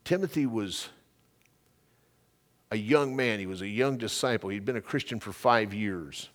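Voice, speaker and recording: A middle-aged man, a pastor, preaching a sermon in an emphatic, animated way and often repeating phrases for stress. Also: lowish voice, moderate pace.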